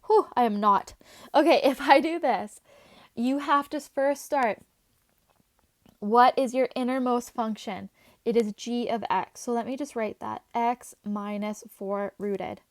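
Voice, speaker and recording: A woman's voice: a little high, measured pace, no room sound. Chatty woman teaching a math lesson. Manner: chatty, talks while writing, asides to students. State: voice going, slightly hoarse.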